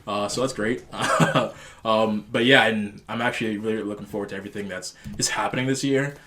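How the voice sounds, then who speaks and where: A man in his twenties with a slightly low voice hosts a relaxed podcast among friends. He is enthusiastic and tends to repeat himself as he goes. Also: fairly quick. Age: 20s. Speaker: podcast host.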